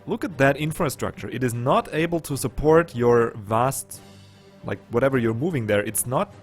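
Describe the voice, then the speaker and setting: Against soft background music, this let's play host, a young non-native English speaker, talks through his strategy game in a medium-pitched voice at a moderate pace. He thinks out loud casually and cracks jokes with his units.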